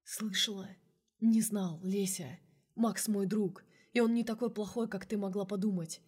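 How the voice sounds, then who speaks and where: Woman reading a young man's lines, tender, remorseful, soft, earnest, audiobook, mid-pitched. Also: steady tone, a little slow, breathy edge.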